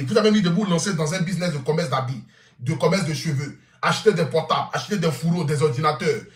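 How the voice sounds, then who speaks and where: A man, hosting a live stream and pitching sponsor products in an insistent way, slowly repeating phone numbers. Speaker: live stream host reading sponsor ads. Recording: roomy echo.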